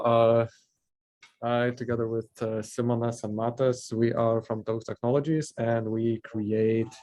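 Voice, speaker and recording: A man's voice: mid-range voice, darkish tone. A man, a startup founder, introducing his team hesitantly.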